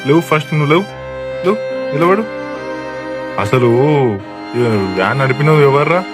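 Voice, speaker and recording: A man's voice: fairly high pitch, expressive, over music, close to an everyday voice. A man with a Telangana accent playing a firm village helper who reassures and takes charge in a village comedy-drama. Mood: urging. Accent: Telangana Telugu. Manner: brisk, reassuring, commanding. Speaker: helpful villager.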